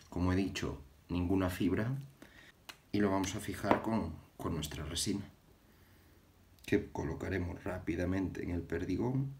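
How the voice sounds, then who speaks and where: Deep-voiced man tying a fly. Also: darkish tone, a little hiss or hum. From Galicia, Spain. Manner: halting, repeats words while working with his hands. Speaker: fly-tying channel host. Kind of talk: casual fly-tying tutorial. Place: indoors at a tying bench.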